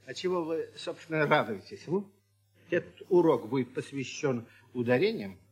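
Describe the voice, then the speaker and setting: A man's voice: on the high side, lively intonation, moderate pace, slightly rough, faint music behind. A middle-aged man hosting a scripted children's radio comedy as a teacher, lecturing his pupils in a mock-stern, ironic way.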